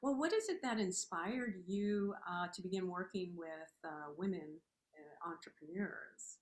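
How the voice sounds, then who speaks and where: A woman's voice: fairly low pitch, measured pace. A woman hosting an interview in an effusive, encouraging, conversational way, recorded with a roomy echo. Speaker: interview host. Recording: roomy, echoing sound.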